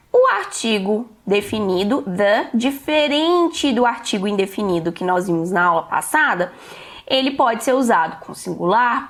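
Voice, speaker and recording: Patient Brazilian woman teaching a lesson. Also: on the high side. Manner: patient, reassuring, spells out examples slowly. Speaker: English teacher. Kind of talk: online language lesson.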